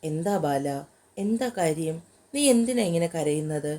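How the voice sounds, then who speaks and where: A woman narrator voicing a young man who speaks softly and comfortingly in an audio story. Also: sits low, lively intonation, a little slow. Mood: gentle concern. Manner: soft, comforting. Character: young man, gentle and caring.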